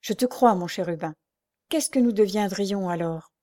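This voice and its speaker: A woman's voice: mid-range voice, normal speed, dark tone, close to an everyday voice. A woman reading aloud and voicing a greedy, grumbling old beggar woman. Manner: grumbling, coarse.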